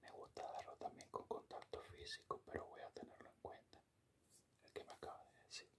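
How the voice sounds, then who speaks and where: A man in a whispered role-play as an affectionate boyfriend, speaking tenderly and intimately in a soft, breathy whisper close to the microphone. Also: a little fast. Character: affectionate, doting boyfriend murmuring sweet praise. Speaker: ASMR performer playing a boyfriend. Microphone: close-up microphone, at the ear.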